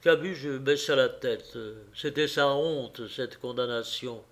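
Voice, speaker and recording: A man reading a novel aloud as an audiobook narrator, in a slow, measured way. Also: mid-range voice, a bit bright. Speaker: audiobook reader.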